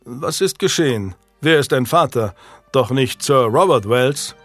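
A man's voice: medium pitch, animated, a little slow, no room sound, soft background music. A man voicing a stern medieval lord who speaks with dry command in a storybook reading. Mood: urgent.

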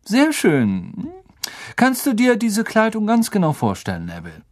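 A man reading aloud and voicing a good-humored, kindly middle-aged male professor who coaxes a nervous pupil in a cheerful, drawn-out way. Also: sits high, wildly swooping pitch, pitched above the performer's own voice, exaggerated voice. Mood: cheerful coaxing. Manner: cheerful, coaxing, drawn-out questions.

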